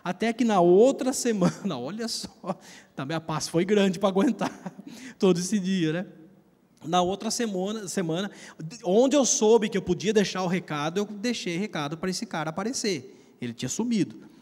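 A man's voice: high voice, lively intonation, normal speed, a little mellow. A Brazilian man preaching a sermon, telling a personal story in a casual, slangy way. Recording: long reverb of a large hall.

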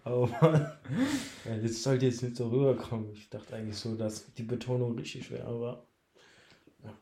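A young man co-hosting a podcast in casual chat, joking and slangy, with hesitant pauses. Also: mid-range voice, steady tone, gravelly, a crowd in the background. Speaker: podcast co-host. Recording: echoey room.

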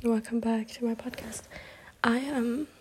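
A young woman with a hoarse, sick voice, hosting her own podcast in a rambling, half-whispered chat. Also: a little high, steady tone, measured pace. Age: young adult. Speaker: podcast host. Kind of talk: casual solo podcast chat.

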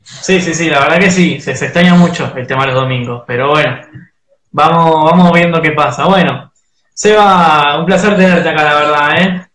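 A man's voice: fairly high pitch, moderate pace, a bit bright, roomy sound. Chatty Uruguayan man hosting a live stream. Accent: Uruguayan Spanish. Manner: chatty, rambling with fillers. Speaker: host of a fan live stream. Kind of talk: casual live-stream interview.

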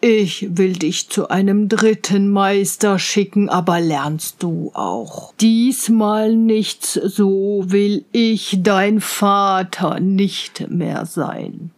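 A woman voicing a stern old male count who is quick to anger, speaking in a slow, lowered, solemn voice in a fairy tale reading. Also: steady tone, darkish tone. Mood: angry.

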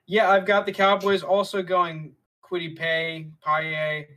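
A man co-hosting a casual sports talk show, relaxed and using many fillers. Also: high-pitched, slow pace. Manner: relaxed, filler-heavy, leads the segments. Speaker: podcast co-host. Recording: voice distant from the mic.

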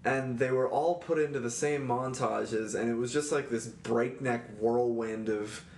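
A man's voice: mid-range voice, fairly even intonation, a little slow, a little mellow, roomy sound, slight background noise. A man co-hosting a podcast, laid-back and self-deprecating, picking apart a film's editing in casual chat. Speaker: podcast co-host.

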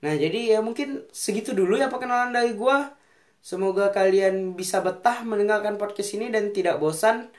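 A man's voice: high-pitched, moderate pace. A young man with a slurred, unrolled r, rambling casually and unscripted as a podcast host. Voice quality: slurred r, cannot roll it. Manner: rambling, thinking aloud. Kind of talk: unscripted casual solo chat.

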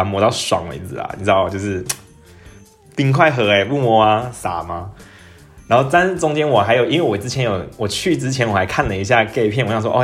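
A young man, telling a personal story in a casual, animated podcast monologue and dropping English phrases into his talk. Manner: animated, jumps up in pitch when excited, mixes in English phrases. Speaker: podcast host.

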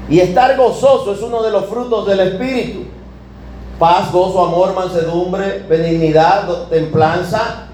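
A man preaching a sermon, telling stories with emphatic, drawn-out key words and shifting pace. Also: high voice, fairly even intonation, a little mellow. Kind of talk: sermon with storytelling. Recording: echoey room with air conditioning hum.

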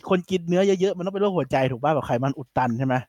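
A man hosting a casual podcast chat, retelling things in an animated way with lots of fillers. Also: fairly high pitch, rapid-fire, dry recording. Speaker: podcast host.

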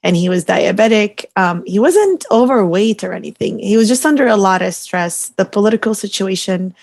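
A woman's voice: medium pitch, lively intonation, normal speed, creaky, a little mellow, no room sound. Thoughtful woman in her thirties from Iraq. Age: 30s. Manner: reflective, with frequent fillers. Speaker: podcast guest, nutritionist. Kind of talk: casual interview talk.

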